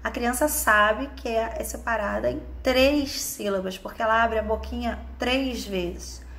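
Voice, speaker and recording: A woman with a Brazilian Portuguese accent teaching an online lesson, explaining step by step and drawing out example words slowly. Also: fairly high pitch, a bit bright. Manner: patient, explains step by step with many "né?" and "tá?". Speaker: teacher of a course.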